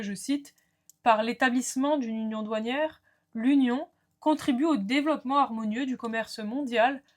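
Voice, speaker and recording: A woman giving a recorded law lecture, explaining terms clearly and speaking to students in short asides. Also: on the high side.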